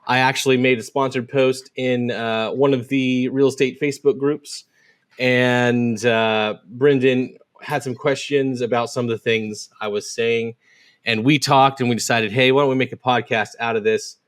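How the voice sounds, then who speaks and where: A man's voice: mid-range voice, fairly even intonation. A man hosting a casual podcast conversation, sometimes reading written posts aloud at speed. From United States. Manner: reads quoted posts aloud quickly. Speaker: podcast host.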